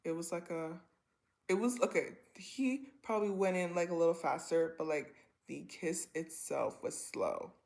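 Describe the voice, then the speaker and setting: A woman in her twenties telling a personal story to camera in a rambling, animated way, full of slang and filler words. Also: fairly low pitch, normal speed, creaky. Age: 20s. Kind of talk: casual storytime vlog.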